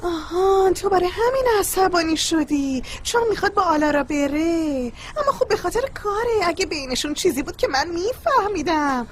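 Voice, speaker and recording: A woman's voice: very high-pitched, few pauses, slight background noise. An actress playing a caring young woman friend who coaxes and teases in a dubbed drama. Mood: teasing. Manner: coaxing, teasing, lively.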